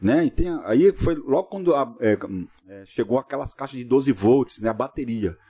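A man, a pastor guest on a podcast, telling a long story in a casual interview, lively and acting out what people said. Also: medium pitch, husky. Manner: fast, vivid storyteller acting out dialogue.

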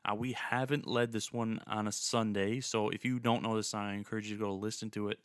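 A man with a fairly low, clean and smooth voice hosts a podcast conversationally. He is effusive and complimentary, and the sound is close and dry. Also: level tone, fairly quick, dry recording. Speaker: podcast host. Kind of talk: casual conversational podcast hosting.

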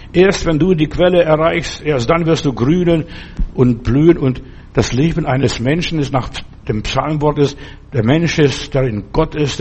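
Husky-voiced man preaching a sermon. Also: fairly high pitch, darkish tone. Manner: emphatic, with frequent restarts and repeated phrases.

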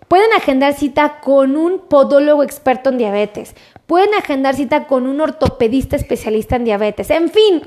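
Chatty high-voiced Mexican woman doctor. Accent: Mexican Spanish. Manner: chatty, warm, repeats her pleas to share. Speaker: doctor hosting a live stream. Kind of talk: casual live-stream health talk. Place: doctor's office, indoors. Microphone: webcam or phone in her office.

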